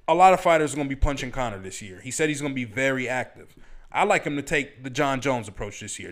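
A man's voice: medium pitch, fairly bright tone. A man giving casual, opinionated fight commentary in a blunt, profane, rambling way. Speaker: MMA commentator.

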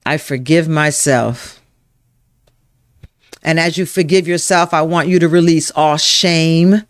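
A workshop leader running a live self-help session, speaking to viewers by name, repeating affirmations slowly and guiding breathing exercises. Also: mid-range voice, little pitch movement, dry recording, clean studio sound. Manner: slow, emphatic, repeats affirmations and guides breathing. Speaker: emotional wellness workshop leader.

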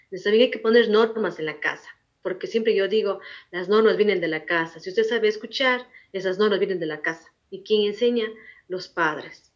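A woman's voice: mid-range voice, moderate pace. A woman in her forties, a veteran teacher, answering interview questions in a firm, repetitive, explaining manner. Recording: muffled lo-fi recording.

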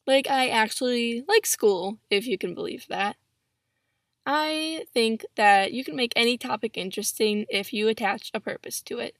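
A seventeen-year-old girl hosts a chatty solo podcast, recording on her laptop's built-in mic inside a closet padded with pillows. Her voice is a little high and a bit bright, at a normal speed, with studio-quality sound and no room noise.

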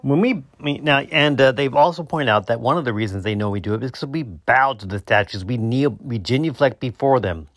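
A man hosting a solo debunking podcast, explaining his points haltingly and often rewording himself mid-sentence. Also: medium pitch, no room sound, studio quality. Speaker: podcast host.

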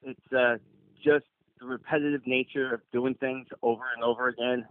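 A man's voice: medium pitch, flat delivery, moderate pace, dry recording. Easygoing fifties man on a tinny line. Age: 50s. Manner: easygoing, rambling storyteller. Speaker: podcast guest, HVAC technician. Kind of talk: casual podcast chat.

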